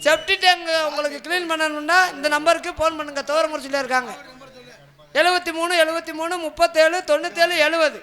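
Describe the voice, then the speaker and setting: Bright, high-voiced male stage announcer. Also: fairly even intonation, quick pace. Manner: reads out a sponsor notice in a chanting, announcer way. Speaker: stage comedian. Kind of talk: village stage drama comedy.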